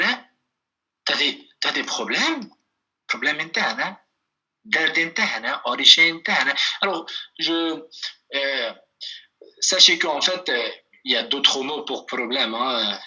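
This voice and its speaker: A man teaching a language class over a video call, speaking slowly and patiently, repeating phrases and calling on students by name. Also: medium pitch, pushed and bright.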